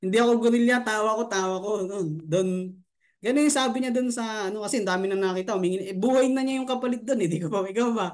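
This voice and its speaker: A male marketing coach tells a story on a live stream. He is chatty and breaks into laughter often. His voice sits notably high. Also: quick pace, darkish tone.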